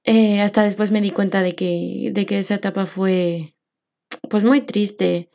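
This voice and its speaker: A woman's voice: medium pitch, steady tone, a little slow, creaky, a little mellow. A young woman with a Mexican accent, hosting a personal podcast and speaking reflectively, with fillers and restarts. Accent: Mexican Spanish. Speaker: podcast host.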